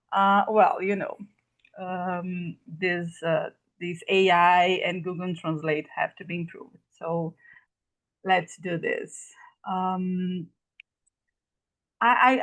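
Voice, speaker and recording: Speaking at a medium pitch on a video call, a Brazilian woman guest-lectures in a casual online class. She has a Brazilian Portuguese accent from her native Portuguese and stumbles apologetically, restarting often and using many fillers.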